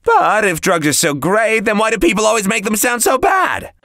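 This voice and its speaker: A man's voice: sits high, animated, moderate pace, bright, forceful tone, dry recording, studio quality, heavily acted. A man voicing a cheeky, goofy cartoon sidekick who trades sarcastic quips in scripted comedic banter.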